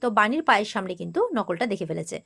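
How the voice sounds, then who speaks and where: This woman's mid-range voice is sing-song and quick, pushed and bright, with vocal fry and a breathy edge. Hosting a TV serial recap channel, she speaks with a West Bengal accent and tells the plot informally, acting out quoted exchanges.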